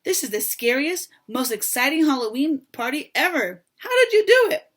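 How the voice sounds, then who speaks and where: A woman reading the part of an excitable, nervous female cartoon duck in a children's storybook. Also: sits high, moderate pace. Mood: excited.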